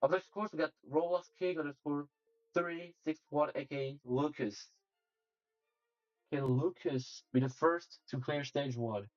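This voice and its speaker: A young man commentating a game competition play-by-play, halting with fillers and restarts, then breaking into excited shouts. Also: a little high, no echo. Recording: distant dull mic with faint music.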